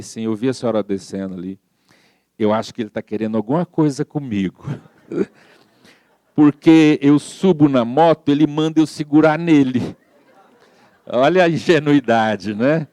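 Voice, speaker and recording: A Brazilian man giving a spiritist sermon, telling stories gently and acting out the dialogue. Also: on the low side, no room sound. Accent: Brazilian Portuguese. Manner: gentle storytelling, acts out quoted dialogue, frequent "né?". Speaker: spiritist speaker. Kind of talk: sermon with anecdotes.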